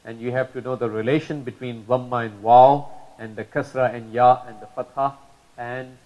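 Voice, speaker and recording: A man's voice: medium pitch, fairly even intonation. Patient man teaching pronunciation, slightly dull audio. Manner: patient, repetitive, with drawn-out model sounds and many fillers. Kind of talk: explanatory religious lesson.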